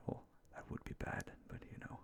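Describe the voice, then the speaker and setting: In a slow, hesitant whisper, a man who creates ASMR videos rambles casually and softly, his voice breathy and creaky. He stays close to an ASMR microphone with a fluffy cover and comes off as mindful and self-effacing.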